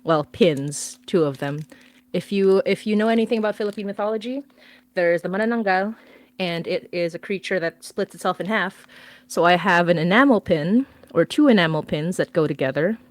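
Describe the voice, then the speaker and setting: A horror writer appearing as a podcast guest chats casually on a livestream, bubbly, rambling and laughing often. Her voice is on the low side and her pace moderate.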